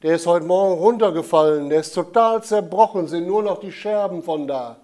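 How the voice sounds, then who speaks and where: A man's voice: moderate pace, lightly acted. A man doing an eager young boy. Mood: distressed. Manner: rises high and loud when upset.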